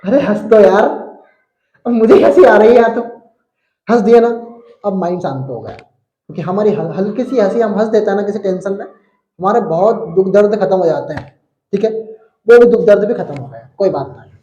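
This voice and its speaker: High-voiced chatty Hindi science teacher. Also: male voice, expressive, normal speed, pauses often, warm tone, echoey room, dull audio. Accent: Central Indian Hindi. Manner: chatty, addresses students as brother, tells stories. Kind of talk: classroom physics lesson.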